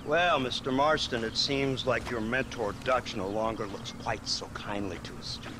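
Actor as a smug, sardonic Western government agent. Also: male voice, mid-range voice, noisy background, lightly acted. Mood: smugly threatening. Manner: formal, sardonic, deliberate phrasing. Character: smug, menacing male government agent in old West. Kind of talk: video game acting.

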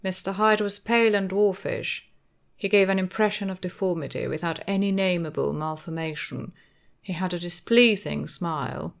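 Female audiobook narrator, lowish voice, measured and expressive. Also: gravelly.

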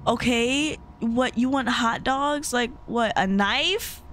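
A woman's voice: fairly high pitch, steady tone, slow pace, a bit bright, a little hiss or hum. A young woman giving casual, slangy commentary as a scared, jittery horror game streamer. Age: young adult. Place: small indoor gaming room.

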